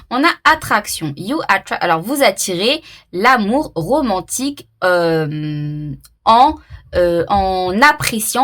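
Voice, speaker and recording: A woman's voice: medium pitch, a bit bright. A woman giving a casual oracle card reading to her viewers, thinking aloud with many fillers and restarts. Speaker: tarot reader.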